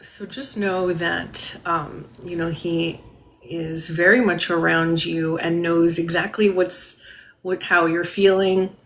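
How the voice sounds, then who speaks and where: A woman giving a spirit reading to a caller on a live stream, talking gently with many fillers and soft laughs. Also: on the low side, flat delivery, slow, a little hiss or hum.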